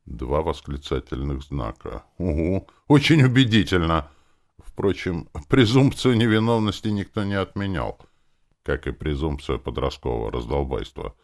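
A man's voice: rumbling low, big pitch swings, normal speed, a little mellow. A man narrating a first-person audiobook in a wry, sardonic manner.

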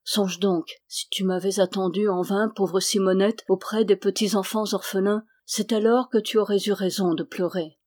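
A woman reading aloud, voicing a young fisherman who speaks softly and serenely. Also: mid-range voice, fairly even intonation, moderate pace, hardly any pauses, close to an everyday voice. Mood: gentle. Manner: soft, serene, timid. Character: young fisherman, calm and gentle facing death.

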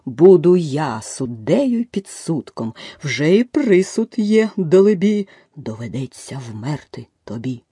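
A woman voicing a bullying male dog in a rhymed storybook verse, slow and menacing. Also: low voice, very animated, dark tone, husky, dry recording, studio quality, heavily acted.

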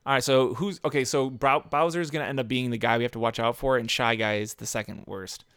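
A man's voice: mid-range voice, fairly even intonation, fast, fairly bright tone, smooth, no room sound, studio quality. A young man casually commenting on a racing game, rambling with lots of fillers, swearing and laughing often. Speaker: gameplay commentator. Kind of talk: casual gaming chat.

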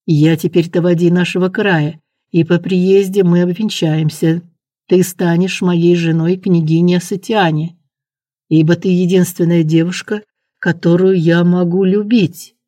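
A reader voicing a passionate young prince who speaks quietly in a low chest baritone. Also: little pitch movement, unhurried, no room sound, clean studio sound, close to an everyday voice. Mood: pleading.

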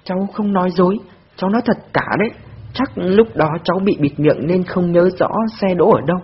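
A man's voice: sits high, fairly even intonation, a little fast, breathy edge, voice pushed up. A man voicing a stubborn little girl who lies and cries, her voice strained and pleading. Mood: defiant. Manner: crying, pleading. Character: stubborn lying little girl, tearful and sly. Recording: dull lo-fi recording.

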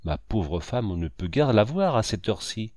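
A man voicing a brisk, kindly woman servant in a storybook reading. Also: lowish voice, sing-song, a little mellow, no echo, studio quality. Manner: brisk, coaxing.

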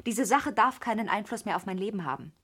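A woman's voice: medium pitch, animated, quick pace, a bit bright, husky. An actress playing a desperate, jealous noblewoman in a radio drama, speaking tensely and reproachfully.

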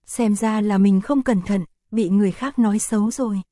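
Woman narrator doing a sheepish young girl, flustered, hurried, mellow, dry. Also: mid-range voice, no echo, natural voice. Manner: embarrassed, hurried explaining.

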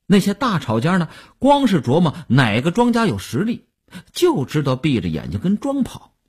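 A man's voice: mid-range voice, huge pitch swings, unhurried, husky, heavily acted. A man reading a radio novel aloud, voicing a boastful, self-satisfied male stock speculator who chuckles and coaxes. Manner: bragging, chuckling, coaxing.

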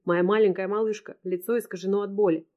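A woman's voice: mid-range voice, steady tone, fast talker, muffled recording. Brief: a woman narrating an audiobook with tense, emotional delivery. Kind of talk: first-person audiobook narration.

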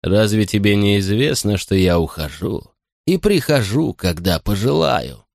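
A man doing a slow, sinister drunk butler. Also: expressive, gravelly, no room sound, studio quality, heavily acted. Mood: menacing. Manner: very slow, deliberate, quiet and low.

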